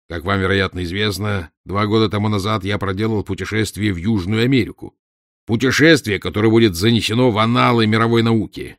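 A man's voice: on the low side, a bit bright, no echo, studio quality, close to an everyday voice. Man reading a haughty old professor. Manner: haughty, lecturing, condescending. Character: pompous arrogant older male professor. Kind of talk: audiobook reading.

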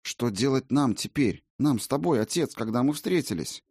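A man's voice: fairly low pitch, measured pace, darkish tone, dry recording, studio quality, natural voice. A man reading an audiobook, voicing a young warrior valkyrie woman who is bold but shaken, asking faltering, pleading questions. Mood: impatient.

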